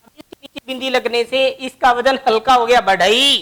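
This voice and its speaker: A woman's voice: sits high, flat delivery, moderate pace. A woman teaching a grammar lesson, explaining each example word by word.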